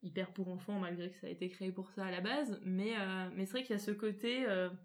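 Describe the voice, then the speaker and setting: A woman's voice: mid-range voice, fairly even intonation, quick pace. A woman co-hosting a casual round-table podcast, talking with many hesitant fillers. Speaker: podcast co-host.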